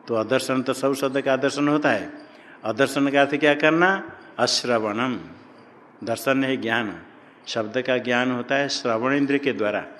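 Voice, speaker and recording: A man's voice: mid-range voice, fairly bright tone, a little hiss or hum. Man teaching in a reverberant hall. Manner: asks questions and answers them himself, repeating terms. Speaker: Sanskrit grammar teacher. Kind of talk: classroom lecture. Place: hall or classroom at an ashram.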